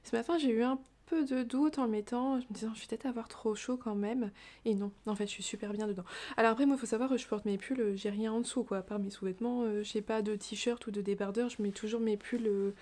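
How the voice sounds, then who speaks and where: A woman's voice: fairly high pitch, fairly even intonation, fast talker. A woman chatting casually about her knitting projects, rambling with fillers and restarts. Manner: hushed, half-whispered talk. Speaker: knitting vlogger. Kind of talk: casual chat.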